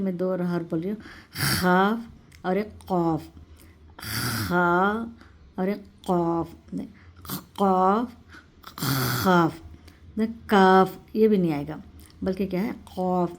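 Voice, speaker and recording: A woman teaching the pronunciation of Arabic letters, who explains slowly and step by step and repeats each sound several times in a drawn-out way. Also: lowish voice, warm tone. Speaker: Quran recitation teacher. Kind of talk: patient pronunciation lesson.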